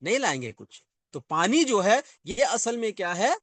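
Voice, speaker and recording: A man's voice: high-pitched, sing-song, a bit bright, no room sound. A man teaching a grammar class, explaining step by step, repeating key terms and checking often whether students follow. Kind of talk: classroom lecture.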